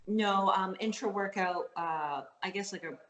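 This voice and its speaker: A young woman with a Canadian accent, appearing as a guest athlete in an interview, chats casually with lots of likes and ums. Her medium-pitched voice is unhurried and fairly bright, and the recording is reverberant.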